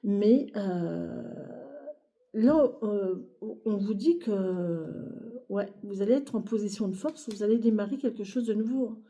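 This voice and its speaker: Woman doing a tarot reading for her viewers, really dark mellow voice, lots of ums and restarts. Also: medium pitch, measured pace. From France. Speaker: tarot reader. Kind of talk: weekly astrology tarot reading to camera.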